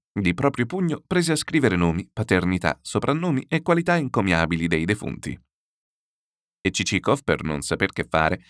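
A deep-voiced male audiobook narrator reads a classic novel from a script, telling the story expressively. The recording is clean studio sound with no room echo.

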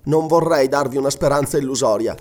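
A man voicing a gentle noble lady who speaks in a calm, measured, reassuring way, in an audiobook. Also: mid-range voice, lightly acted. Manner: measured, soothing. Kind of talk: audiobook reading.

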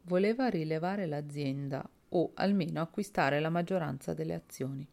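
A woman reading an audiobook and voicing a determined, businesslike young woman who speaks firmly and in a measured way, with a low, gravelly voice. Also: a little mellow.

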